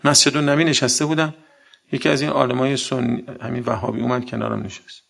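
A man giving a sermon, arguing with many rhetorical questions and reciting Quranic verses, swinging between loud outbursts and quiet asides. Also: mid-range voice, flat delivery, vocal fry. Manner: argumentative, full of rhetorical questions. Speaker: religious speaker.

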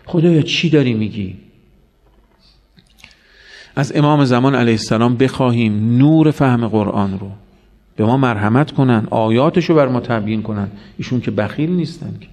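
A man's voice: mid-range voice, a little mellow. Man preaching a storytelling sermon. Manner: storytelling with acted quotes and rhetorical questions. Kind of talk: religious sermon.

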